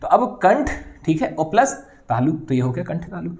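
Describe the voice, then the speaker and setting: A man's voice: on the high side, big pitch swings, normal speed, a little mellow. A man teaching an exam-prep grammar lesson. He explains step by step in a reassuring way and keeps checking that his students are following. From India. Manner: reassuring, repeats "okay" and "friends" often.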